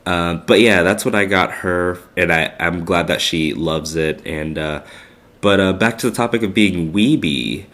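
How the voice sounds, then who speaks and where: A young man co-hosts a laid-back podcast, chatting casually in a low voice at a measured pace with a slightly bright tone. His nose is stuffed up, and he rambles along with plenty of fillers.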